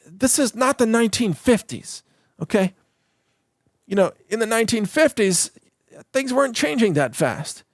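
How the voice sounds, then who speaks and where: A man delivering a solo commentary monologue in a fairly high voice, the sound dry and close with no room around it. He rambles and restarts, punching points with mocking emphasis. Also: very animated, moderate pace, long pauses, no echo. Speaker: show host.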